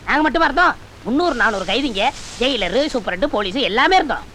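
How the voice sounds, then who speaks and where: A man's voice: extremely high pitch, sing-song, fast talker, bright, forceful tone, a little hiss or hum. A man in a film comedy scene, boastful and scheming.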